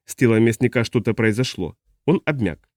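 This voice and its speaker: A man's voice: mid-range voice, fairly quick, no echo. Male audiobook narrator, dry sound. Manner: steady, even reading voicing several characters. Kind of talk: scripted narration.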